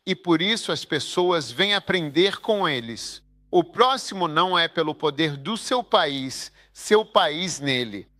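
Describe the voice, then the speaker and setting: Bright, high-voiced male preacher. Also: no echo, clean studio sound. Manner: emphatic, rhetorical questions to the audience. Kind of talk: Portuguese voice-over of a sermon.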